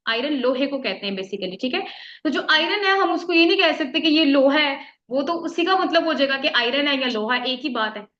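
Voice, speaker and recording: A chemistry teacher with a Pakistani Urdu accent lectures her class patiently, mixing English terms and regularly asking "theek hai?" to check understanding. She sounds high-pitched, bright and forceful at a moderate pace; the echoey, slightly dull classroom audio has a little hiss or hum.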